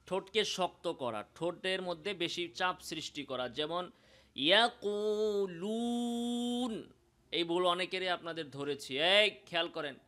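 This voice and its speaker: A man with a Bangladeshi Bengali accent teaching Quran pronunciation, explaining slowly and demonstrating sounds in drawn-out chanted examples. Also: on the high side, pushed and bright. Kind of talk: recitation lesson.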